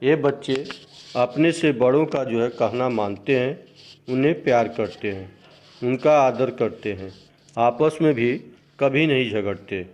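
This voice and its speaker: A man reading the part of a wise, kindly male moon figure from a school play, in a calm, instructive way. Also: medium pitch, unhurried, lightly acted. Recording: dull lo-fi recording.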